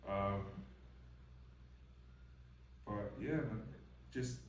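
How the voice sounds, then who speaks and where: A young man as a podcast guest, laid-back and halting with frequent "um"s. His voice is on the low side. The sound is distant and echoey with a faint hiss. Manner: laid-back, hesitant, many "um"s. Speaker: guest actor. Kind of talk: casual podcast chat. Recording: roomy sound from a distant mic.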